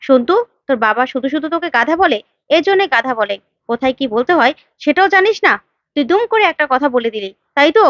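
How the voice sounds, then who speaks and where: A woman voicing a sharp-tongued neighbor woman who scolds and finds fault. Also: sits high, lively intonation, quick pace, no room sound, highs cut off. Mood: scolding.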